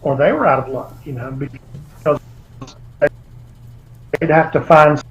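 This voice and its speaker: A man's voice: fairly high pitch, measured pace, poor audio. A man, an author being interviewed over a video call, telling long rambling anecdotes. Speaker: author guest. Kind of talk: remote interview.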